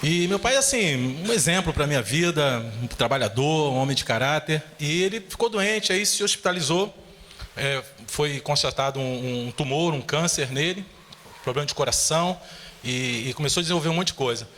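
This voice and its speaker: Man, slightly high voice, earnest testimony, church hall reverb. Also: expressive, normal speed, fairly bright tone. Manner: earnest storytelling.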